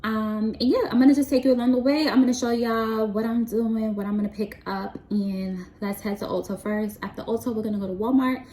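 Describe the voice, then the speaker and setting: This Queens vlogger, New York accent and all, chats in a rambling way to her followers while shopping and running errands. She speaks fairly quickly with few pauses, in a fairly high, fairly even voice with a dark tone. Recording quality is low.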